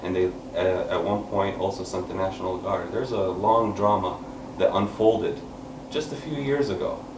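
Before reading a poem at an open mic, a man in his thirties with a low voice earnestly explains it to a small audience, pausing often and gesturing as he talks. He sits on a couch in a small indoor room among the listeners, mixing spoken word poetry with explanation. A distant camera captures it with no visible mic, so the room echoes and background noise comes through.

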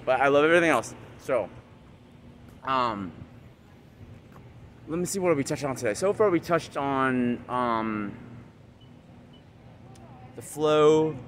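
A man's voice: medium pitch, fairly bright tone, slight background noise. Hyped boastful man outdoors. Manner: boastful, hyped, swears freely. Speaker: vlogger giving motivational advice. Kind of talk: casual motivational monologue.

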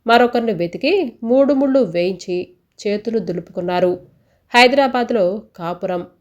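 A woman's voice: a little high, moderate pace, a little mellow, close to an everyday voice. A woman voicing a weary young wife who recounts her past in a resigned, bitter way.

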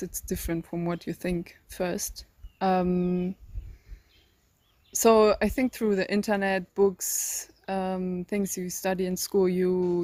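With a lowish, darkish voice and no room sound, an eighteen-year-old northern German volunteer answers interview questions outdoors in a garden. She speaks English as a second language with a German accent, thinking carefully and often pausing, saying um and starting over. The interviewer records on a handheld phone.

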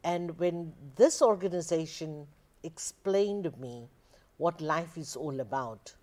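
An older woman from Zambia, a spiritual teacher and studio guest, answering interview questions in a measured, unhurried way on a lapel mic. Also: low voice, darkish tone. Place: TV studio, indoors.

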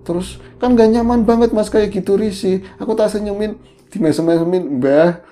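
A woman co-hosts a casual horror-story podcast, leading the telling. Her voice sits very dark and mellow at a middle pitch. She narrates with animation and keeps slipping into the quoted voices of the people in her story. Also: fairly even intonation, fairly quick, slight background noise.

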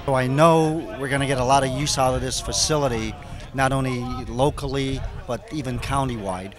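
A man's voice: medium pitch, steady tone, normal speed, a crowd in the background. A middle-aged man with a mid-range voice talks earnestly, stumbling over and repeating words. He speaks into a handheld mic at an outdoor ballpark. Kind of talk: casual interview answers. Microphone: handheld reporter mic.

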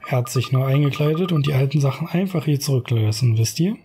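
A man's voice: mid-range voice, quick pace, noisy background, lightly acted. A man voicing a kindly, forgetful elderly female owl shopkeeper in a game, musing in polite, old-fashioned words.

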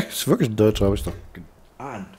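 A man casually commenting on his gameplay, excitable and mocking, with frequent swearing. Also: fairly low pitch, normal speed. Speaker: let's play host. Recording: game music behind voice.

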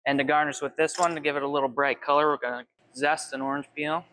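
A young male bartender with a bright, ringing voice pitched a little high, calmly talking through each measure as he mixes. He is recorded at an indoor bar, with faint noise underneath. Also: quick pace. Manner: friendly step-by-step instructions while mixing. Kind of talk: cocktail demonstration. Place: indoor bar with shelves of bottles.

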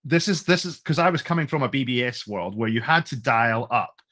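Scottish guy in his 40s, podcast host, chatty and animated, keeps restarting sentences. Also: mid-range voice, brisk. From Scotland. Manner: animated storytelling, many restarts, gestures with hands. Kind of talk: casual conversation. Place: home office with retro computers. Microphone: headphones, large studio mic on arm.

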